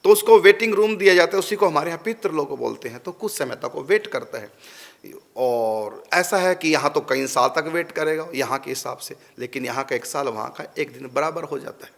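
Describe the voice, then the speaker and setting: A man's voice: on the high side, lively intonation, normal speed, creaky, fairly bright tone. A man giving a religious discourse, answering a question and putting emphatic rhetorical questions to his listeners. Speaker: spiritual teacher.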